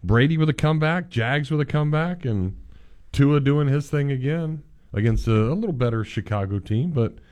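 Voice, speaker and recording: A man's voice: medium pitch, animated, normal speed, a little mellow, dry recording. A man hosting sports radio, talking and reading ads in a radio presenter's style. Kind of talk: radio hosting and host-read ad reads.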